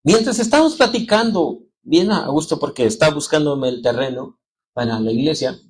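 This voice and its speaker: A man with a Mexican Spanish accent, preaching a sermon as pastor, telling lively stories and calling his listeners brothers and sisters. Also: on the high side, moderate pace. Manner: animated storytelling, acting out quoted voices.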